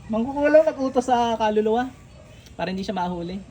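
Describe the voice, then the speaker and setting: A man's voice: very high voice, animated, quick pace, dark tone. Stern healer man commanding spirits. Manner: stern, taunting, interrogating. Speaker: faith healer. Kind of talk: healing ritual, commanding spirits. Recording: noisy room recording.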